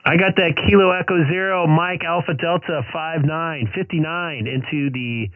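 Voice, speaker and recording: A man's voice: fairly high pitch, steady tone, normal speed, no room sound. A man working as an amateur radio operator, making procedural CQ calls and spelling in phonetic alphabet. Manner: repetitive, procedural call-outs with phonetic spelling. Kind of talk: ham radio CQ calling and contacts. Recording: narrow radio-like band, clear static noise.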